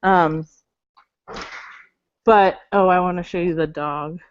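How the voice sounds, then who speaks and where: A woman's voice: on the low side, fairly even intonation, takes it slowly, clean tone, no echo. A woman who works at a library makerspace, talking casually on a video call with many fillers. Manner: chatty, many fillers, laughs. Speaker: library makerspace staff member. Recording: dull lo-fi video call audio.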